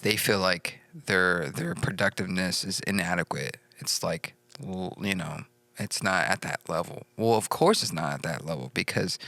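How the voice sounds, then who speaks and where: A man's voice: low-pitched, creaky, sharp tone, no room sound. A man hosting a podcast in casual chat, talking in a loose, goofy way with lots of swearing, laughs and fillers. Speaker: podcast host.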